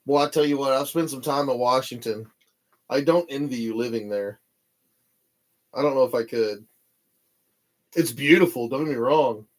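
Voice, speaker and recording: A man's voice: mid-range voice, normal speed, pauses often. A man, chatting casually on a livestream and reading viewer comments aloud. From Texas. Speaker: paranormal livestream host.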